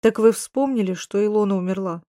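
A woman narrator voicing a slow-witted male police investigator who asks blunt, puzzled questions, in an audiobook. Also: medium pitch, mellow, no room sound, clean studio sound, natural voice. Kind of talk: audiobook dialogue reading.

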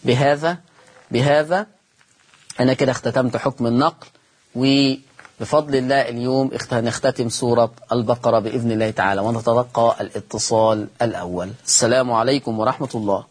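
Egyptian male teacher, mid-pitched and a bit husky, patient lesson delivery with words stretched out for students. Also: fairly even intonation. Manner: explains patiently, drawing out example words slowly and asking listeners questions. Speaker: Quran recitation teacher. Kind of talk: televised recitation lesson.

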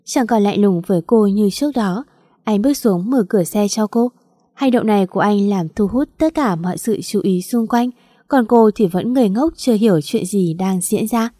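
A woman narrating a romance story as a scripted audiobook reading, in an even, unhurried manner. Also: mid-range voice, no room sound, studio quality.

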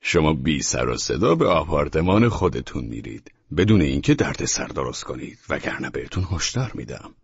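A man's voice: extremely low pitch, sing-song, gravelly, hardly any pauses, breathy edge, no echo, lo-fi sound, heavily acted. A man doing a sneering, mock-soothing neighbor. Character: mocking brutal male neighbor, cruelly sarcastic.

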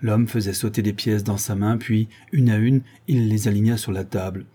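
A man narrating an audiobook in a steady, measured storytelling manner. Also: on the low side, slightly rough. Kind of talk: scripted narration.

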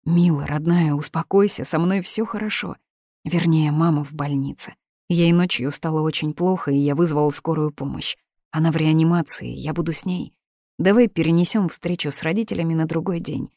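A woman voicing a gentle young man who speaks soothingly but in a hurry. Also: low voice, fairly even intonation, normal speed, dry recording, studio quality.

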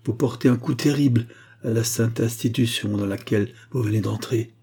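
A stern queen scolding a lady of her court in a storybook, as a male narrator reads her. The delivery is commanding and reproachful, and somewhat louder than the narration. The voice is dark and husky. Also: medium pitch, normal speed.

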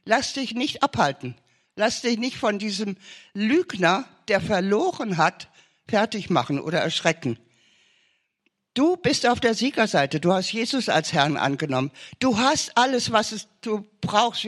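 A man's voice: high-pitched, animated, unhurried, a bit bright. A man preaching an urgent sermon testimony, pressing listeners with emphatic, repeated short commands.

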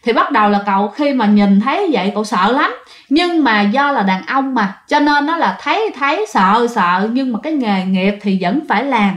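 A woman's voice: a little high, expressive, moderate pace, fairly bright tone, echoey room. A woman with a Southern Vietnamese accent, telling ghost stories in a chatty way and speaking straight to her listeners. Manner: chatty, addresses listeners directly. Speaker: ghost story narrator. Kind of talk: casual spoken storytelling.

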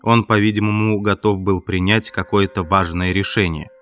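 A man narrating a novel as an audiobook in a measured, expressive storytelling manner. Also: low-pitched. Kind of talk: scripted literary narration.

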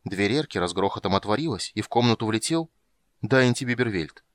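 A man reading an audiobook in a steady, expressive storyteller's manner. His voice sits on the low side. The recording is dry and close, without room sound. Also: brisk, dry recording. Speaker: audiobook narrator. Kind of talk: audiobook narration.

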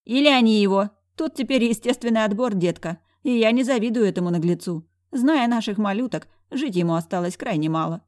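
A woman's voice: medium pitch, darkish tone, pitched above the performer's own voice, close to an everyday voice. A woman playing a brash, mocking woman friend. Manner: mocking, bossy, quick-tongued.

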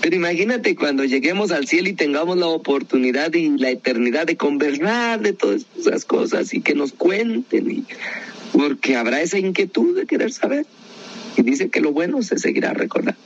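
A man's voice: a little high, moderate pace, highs cut off, a little hiss or hum. A man leading a Bible study in a conversational teaching style, often asking rhetorical questions. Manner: animated, asks many rhetorical questions.

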